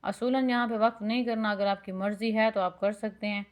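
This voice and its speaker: A woman teaching beginners Quran recitation, drawing out the verses slowly and then explaining the rules quickly and patiently. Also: mid-range voice, steady tone. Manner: alternates slow drawn-out recitation with quick explanation; patient, instructive.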